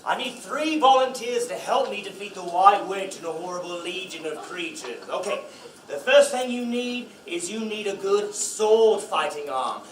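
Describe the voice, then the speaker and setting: A man's voice: high-pitched, a bit bright, slight background noise. A man acting in a children's play who leads audience volunteers with an upbeat, coaxing, playful manner. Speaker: actor leading audience volunteers. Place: library event room. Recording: echoey room from far off.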